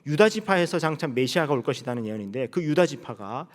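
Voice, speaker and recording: A male pastor preaching a sermon to a congregation, building to emphatic rhetorical questions and then dropping low, with slow solemn passages of scripture reading. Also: expressive, in a large hall. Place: church sanctuary.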